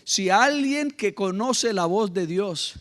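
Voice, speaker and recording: A male pastor, preaching a lively sermon that swells into shouts, with joking asides to the congregation. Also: sits high, takes it slowly.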